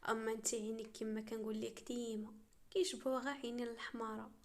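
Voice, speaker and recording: A woman's voice: a little high, little pitch movement, quick pace, close to an everyday voice. A woman with a Moroccan accent voicing a playful, teasing young husband in a story.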